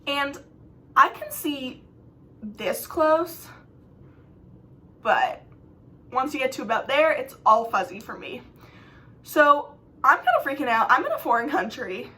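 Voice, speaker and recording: A young woman vlogger telling travel stories in a chatty, dramatic way, swinging between loud exclamations and hushed asides. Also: high-pitched, expressive, unhurried, pauses often. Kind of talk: storytime vlog, casual storytelling.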